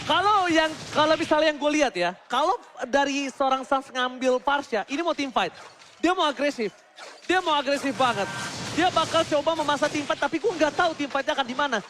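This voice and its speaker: A male esports play-by-play commentator in an excited fighting game announcer style, calling out plays and stretching key words. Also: extremely high pitch, fairly quick. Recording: loud game noise behind commentary.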